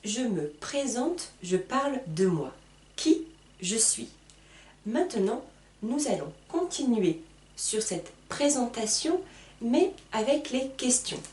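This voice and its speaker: A woman teaching beginners at a whiteboard, her voice rising and falling a lot as she stresses each word. She speaks very slowly and deliberately, spelling out sounds. The room is echoey and she is heard from some distance off the mic. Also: a little high, big pitch swings, a little mellow. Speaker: French teacher. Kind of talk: slow beginner French lesson at a whiteboard.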